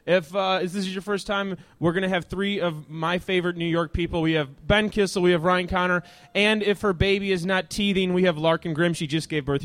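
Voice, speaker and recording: Male host, high voice, loose rambling comic patter for a live outdoor crowd; dry close sound. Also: no echo. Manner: rambling, joking asides, sometimes shouting. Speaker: talk show host. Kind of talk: live stand-up style monologue to an audience. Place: outdoors at an evening show.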